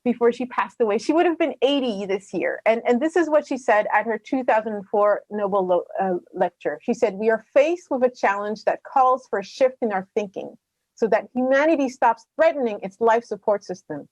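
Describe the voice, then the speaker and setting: A middle-aged woman from Rwanda speaking earnestly as a panelist, quick and passionate, with some fillers. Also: on the high side, a little mellow, dry recording. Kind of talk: conference talk.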